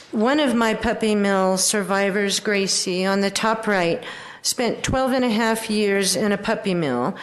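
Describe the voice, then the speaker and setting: An American woman speaking earnestly during public comment at a city council meeting. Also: mid-range voice. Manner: earnest, advocating.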